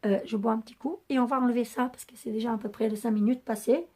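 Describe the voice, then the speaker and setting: Brief: woman vlogger, raspy and a bit hoarse, slightly high voice, rambling casual chat. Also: steady tone, quick pace, warm tone. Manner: rambling and chatty, many hesitations. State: losing her voice. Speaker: beauty vlogger.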